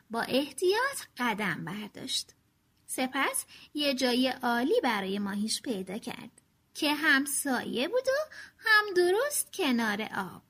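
A woman reading a children's storybook aloud, with a high voice. Her pitch moves in wide, lively swings. She slows down for emphasis. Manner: expressive, slowing for emphasis.

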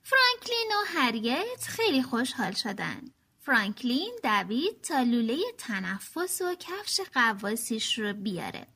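Expressive woman reading a children's story. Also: fairly high pitch, breathy edge. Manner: expressive, slowing for emphasis.

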